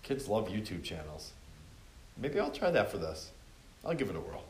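A man's voice: fairly low pitch, very animated, normal speed, a little mellow. Middle-aged man, teacher, joking quiz banter, roomy classroom echo, faint background hiss. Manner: joking, quizzing students by name. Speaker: teacher hosting a class review podcast. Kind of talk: casual classroom review chat. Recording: echoey classroom with faint noise.

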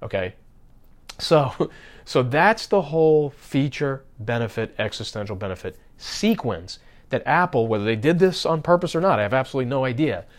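A man hosts a podcast in a loose, conversational way. He speaks straight to his listeners, breaks off and restarts his sentences, and fills the gaps with "uh" and "you know.". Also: medium pitch. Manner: conversational, many fillers and restarts, addresses listeners directly. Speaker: podcast host. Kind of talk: casual marketing talk.

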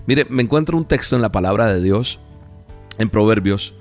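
Earnest man preaching over soft music. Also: on the low side, animated, normal speed. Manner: earnest storytelling, repeats words for emphasis. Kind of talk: radio devotional sermon.

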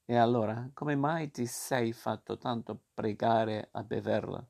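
A man reading a storybook aloud and voicing a patient, motherly fairy who calmly scolds a child. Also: mid-range voice, unhurried, creaky. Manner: calm, gently scolding.

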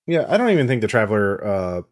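A man's voice: lowish voice, very animated, fast. A man hosting a tabletop game podcast in casual chat, hesitant with many fillers as he wraps up the episode. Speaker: podcast host.

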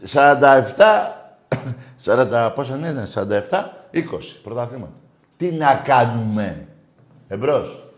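A man hosting a call-in radio show, blunt and crude, going from low grumbling to loud mocking rants. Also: sing-song.

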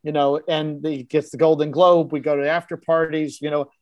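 A man's voice: fairly high pitch, level tone, moderate pace, a little mellow, dry recording. A man, an actor guest on a podcast, telling a vivid behind-the-scenes anecdote in a casual, blunt way and acting out the dialogue he quotes. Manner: vivid anecdote-teller who acts out quoted dialogue in shifting voices; casual and blunt, with occasional swearing. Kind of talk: storytelling in a podcast interview.

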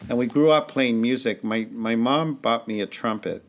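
A man's voice: medium pitch, normal speed. A man from California, a music teacher, talking enthusiastically in a casual conversation and often restarting his sentences.

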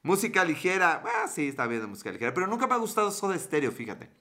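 A man's voice: high voice, huge pitch swings, fast, bright, forceful tone. A man with a Mexican accent hosting a casual livestream, joking loosely and profanely with viewers and answering their comments. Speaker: livestream host.

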